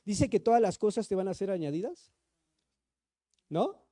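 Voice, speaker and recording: A male preacher, his voice pitched high yet dark and mellow in tone. He teaches in a sermon, checking in with the congregation through frequent questions and slowing down to read scripture with care. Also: animated. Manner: keeps asking the congregation questions; reads scripture slowly and deliberately. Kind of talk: sermon, teaching Bible study. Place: church, streamed live.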